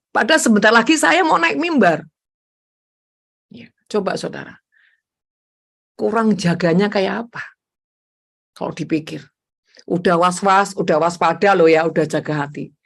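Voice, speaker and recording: Woman preacher, gravelly voice, chatty sermon, acts out her prayers. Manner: addresses listeners as "saudara" repeatedly, animated pitch swings; re-enacts her own prayers aloud. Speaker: evangelist preacher. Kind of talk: conversational sermon.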